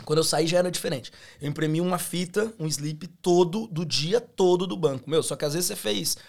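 A quick, high-pitched Brazilian man in his thirties spins lively, slangy stories as a podcast guest. His voice has a gravelly fry, and he keeps restarting his sentences. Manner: animated storyteller, slangy, frequent restarts. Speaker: podcast guest, former bank teller. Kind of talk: casual chat.

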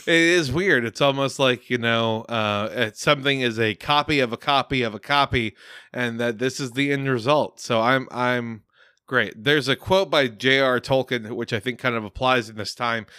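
A man's voice: medium pitch, moderate pace, bright, forceful tone, clean tone, dry recording, studio quality. A man in casual podcast chat, sardonic and profane, often laughing mid-sentence while reacting to trailers. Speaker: podcast co-host.

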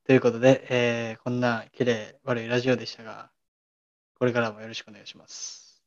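A man's voice: mid-range voice, brisk. A man with a Kansai accent chats casually on a comedy podcast. He answers his partner with short, dry retorts and steers the talk. The recording sounds muffled and lo-fi. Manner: deadpan retorts, wraps up the show. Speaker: podcast co-host.

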